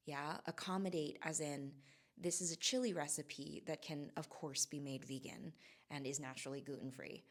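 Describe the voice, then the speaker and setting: A vlogger in her forties, originally from Hawaii, talks casually to her camera at her Southern California home. Her voice is very low for a woman, with fairly even intonation. It's a reflective monologue where she muses and wanders, halting and restarting with lots of fillers.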